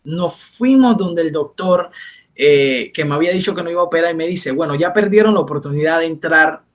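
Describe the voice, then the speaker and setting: A young man with a slightly higher voice tells his faith testimony in an earnest, conversational way. He drops to a softer voice when he repeats what others told him. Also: a little fast. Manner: earnest, retells dialogue in soft quieter voices. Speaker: testimony speaker. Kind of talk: personal faith testimony, storytelling.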